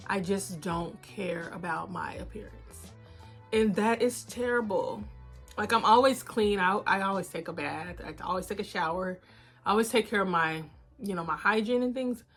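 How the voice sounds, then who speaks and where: Woman in her thirties, vlogger, candid casual chat, mid-pitched voice, soft music underneath. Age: 30s. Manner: candid, unhurried, addresses viewers as y'all. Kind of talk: casual confessional chat to viewers. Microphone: phone camera.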